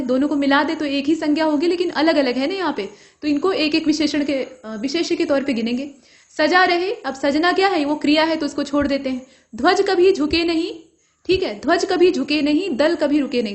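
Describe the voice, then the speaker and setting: High-voiced woman tutoring a Hindi grammar lesson. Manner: talks through answers step by step, often checking with "ठीक". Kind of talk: explanatory lesson.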